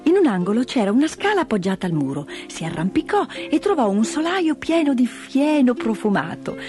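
A woman narrating a fairy tale in an expressive storytelling style. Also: a little high, fairly quick, music in the background. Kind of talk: storybook reading.

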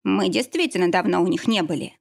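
Woman reading a teasing young husband, husky, lively. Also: on the low side, quick pace. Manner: playful, matter-of-fact. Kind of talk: audiobook character reading.

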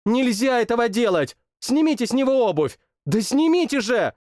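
A man voicing a fierce, indignant young woman from another world who scolds in a sharp, rapid-fire way. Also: very high-pitched, very animated, no room sound, clean studio sound, voice pushed up.

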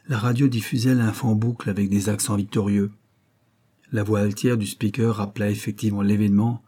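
A man reading a novel aloud as an audiobook narrator, steady and measured. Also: on the low side, husky. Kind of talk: scripted narration.

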